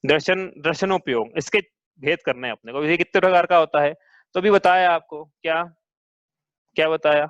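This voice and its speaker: High-voiced man teaching a scripture class. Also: normal speed, fairly bright tone, no echo. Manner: patient, asks students questions. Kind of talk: religious class lecture. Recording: dull lo-fi sound, dry.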